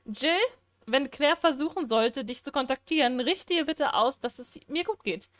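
A woman reading out a letter as a cocky, joking young man, slowly and playfully. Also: high-pitched, lively intonation, fairly bright tone, dry recording, studio quality. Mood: teasing.

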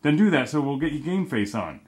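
A man's voice: mid-range voice, sing-song, a little fast, heavy background noise. A middle-aged father casually coaching his children through scenes of a home short film, giving amused, patient direction.

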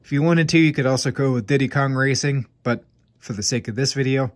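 A man hosting a gaming channel recommends games to the camera from an indoor room lined with game shelves. He sounds a little congested, but his medium-pitched voice stays upbeat and chatty, with quick asides, over some background noise.

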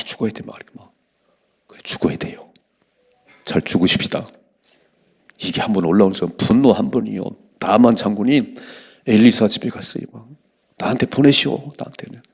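An older man in his sixties, a pastor giving an early morning sermon, animated and acting out voices, often dropping to a whisper. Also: fairly low pitch. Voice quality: gravelly, husky. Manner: animated preaching, acts out voices, drops to whispers.

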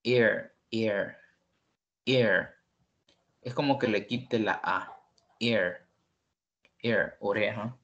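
A man's voice: on the low side, a bit bright, muffled recording. A man teaching an online English lesson, patiently repeating each word several times. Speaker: English tutor.

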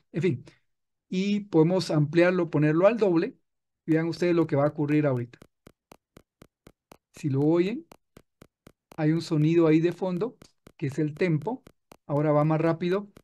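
A man teaching music software in a screen-recorded tutorial, patient and explaining step by step with frequent restarts. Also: on the high side.

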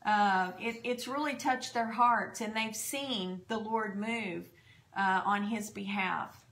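Seated in her home dining room with a desk podcast mic, a middle-aged woman pastor prays with fervor and cites scripture as part of a church broadcast's prayer and testimony. She speaks slowly in a mid-range, slightly bright voice. Her intonation stays fairly even.

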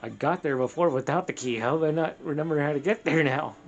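The host of a gaming channel talks fast in a mid-range voice, and the sound is lo-fi. Playing the game as video game music runs behind him, he gives casual let's play commentary, grumbling and swearing mildly out of exasperation.

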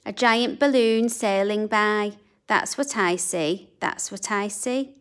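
A woman reads a picture book aloud to young children, unhurried and sing-song. Her voice sits in a middle register, and she lingers over each line with gentle expression. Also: medium pitch, clear, resonant tone. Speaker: children's storybook reader. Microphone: camera above a book on a table.

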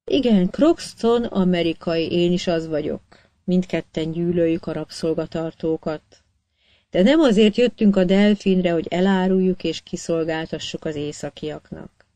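A woman's voice: on the low side, warm tone, no echo, natural voice. A woman reading an audiobook, voicing an earnest young woman disguised as a cabin boy. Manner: earnest, pleading.

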